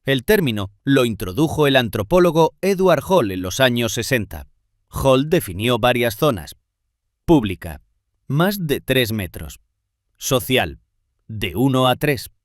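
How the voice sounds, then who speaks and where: A man giving scripted narration in measured, short phrases with pauses. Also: medium pitch, very animated, no echo, clean studio sound.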